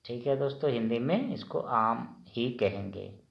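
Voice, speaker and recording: Slow, deliberate male language teacher. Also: mid-range voice, expressive, vocal fry, echoey room, dull audio. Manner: repeats sounds slowly and deliberately.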